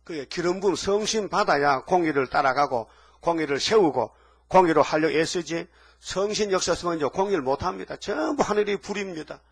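A man's voice: on the high side, animated, fairly quick, vocal fry, slightly rough. A male pastor preaching a fervent sermon, scolding and firing rhetorical questions at the congregation.

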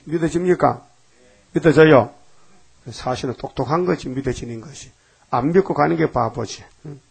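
A man's voice: medium pitch, creaky, slightly rough. A man preaching a sermon in a folksy, emphatic way, often putting rhetorical questions to the congregation.

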